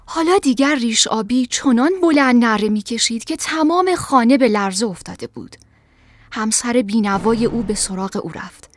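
Woman narrating a storybook. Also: a little high.

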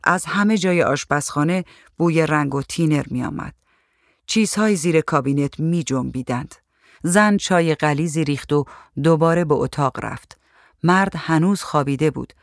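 Brief: male story reader, steady narration, slightly high pitch, no room echo. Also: gravelly, clean studio sound. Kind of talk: storybook reading.

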